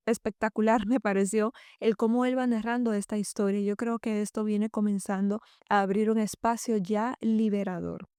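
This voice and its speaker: A woman with a soft, mellow voice hosts a faith podcast for women. She reads a passage from a book and then reflects on it in a calm, measured way. The recording is dry and close, with no room echo. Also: mid-range voice, clear, resonant tone. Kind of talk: reading aloud from a book and commenting.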